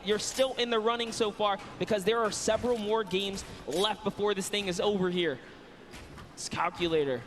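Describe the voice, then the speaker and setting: A man calling the action of an online game match live, with brisk, descriptive play-by-play. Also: high voice, a bit bright, a little hiss or hum. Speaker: esports caster.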